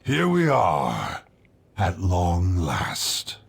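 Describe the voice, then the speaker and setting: A man's voice: deep voice, wildly swooping pitch, very slow, vocal fry, husky, full character voice. A man voicing a ruthless, grim dragon villain in a video game. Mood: cold, grim.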